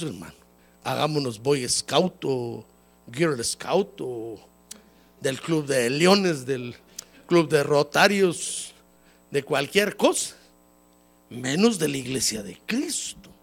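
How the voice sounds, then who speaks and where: A man, a pastor, preaching a folksy sermon and calling his listeners "brother". He has a cold, and his voice jumps up high when he acts out quoted people. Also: big pitch swings, takes it slowly, creaky. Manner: folksy, repeatedly calls listeners "hermano". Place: church service.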